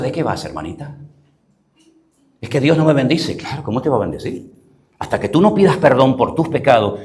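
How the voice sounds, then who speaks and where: A male pastor preaching to a congregation in church. He is emphatic and confrontational, asks rhetorical questions, and tells humorous personal stories. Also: on the high side. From Venezuela and the Canary Islands. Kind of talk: live sermon.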